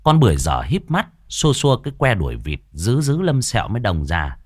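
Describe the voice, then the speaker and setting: A man narrating a story in a lively, expressive way into a close mic. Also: on the low side, brisk, dry recording.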